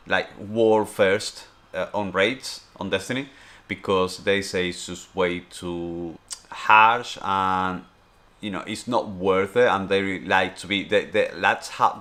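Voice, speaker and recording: A Spanish man in his thirties, with a deep low voice and a Spanish accent, chats loosely through a streamer's Q&A. He rambles, circles back and fills his talk with "obviously" and "you know". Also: pushed and bright. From Spain. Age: 30s. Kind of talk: casual Q&A chat.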